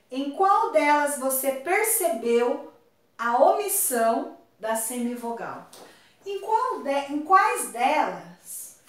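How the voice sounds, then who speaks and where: A woman from Brazil teaching an online class, speaking slowly and patiently and drawing words out for her pupils. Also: high voice. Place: home room on a video call. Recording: very echoey room, far from mic.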